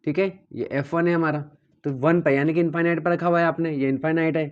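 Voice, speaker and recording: A man's voice: on the high side, steady tone, fast talker, muffled recording. A man teaching a physics lesson at a whiteboard, explaining step by step, asking and answering his own questions and checking in often with his students. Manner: repeats "theek hai" to check students follow.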